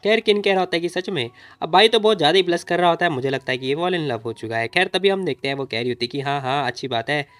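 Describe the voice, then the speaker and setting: A man narrates a comic story in a chatty, informal way and keeps calling the listener brother. He talks very fast in a somewhat high voice. Faint music plays underneath. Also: fairly bright tone, clear, resonant tone. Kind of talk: casual story recap narration.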